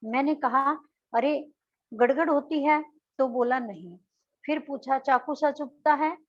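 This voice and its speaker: A woman's voice: high voice, measured pace, highs cut off. A woman teacher reads out the lines of a puzzled, patient father of a sick boy. He lists one question after another and each answer. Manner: recounting questions and answers in turn.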